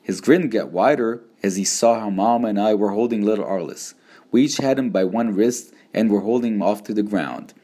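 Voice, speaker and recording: A man reads a story aloud in a very deep voice. His narration is steady and measured, told in the first person. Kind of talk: audiobook narration.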